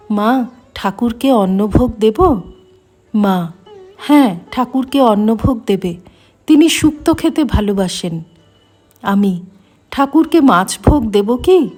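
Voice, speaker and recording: A woman giving a measured, reverent reading of a devotional text, her voice dipping softly on quoted lines. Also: fairly high pitch. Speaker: reader of devotional texts. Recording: faint music behind the voice.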